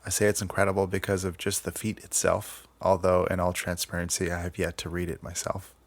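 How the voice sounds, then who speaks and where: A man speaks as a podcast host with a very low, gravelly voice. His delivery is casual, measured and fairly flat, with some hesitant phrasing. The sound is dry and close. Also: no echo. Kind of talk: casual podcast introduction and conversation.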